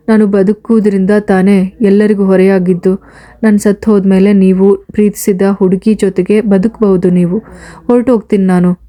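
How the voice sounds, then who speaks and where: A woman's voice: mid-range voice, dark tone, natural voice. Woman voicing a hurt, plaintive young wife. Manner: plaintive, despairing. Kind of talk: audiobook character reading.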